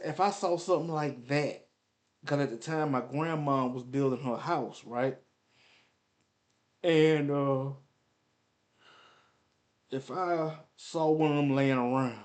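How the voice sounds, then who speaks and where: A man's voice: a little high, animated, slow, pauses often, a little mellow. A man in his forties reminiscing casually on a vlog, rambling in slangy talk and often repeating himself. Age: 40s. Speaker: vlogger. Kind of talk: casual nostalgic storytelling.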